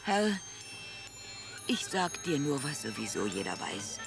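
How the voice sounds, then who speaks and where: Slow-talking widow lady, gossipy and timid, music under it. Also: very deep voice, very animated, gravelly, heavily acted. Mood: fearful. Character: poor old widow, gossipy and fearful. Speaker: townswoman in radio drama.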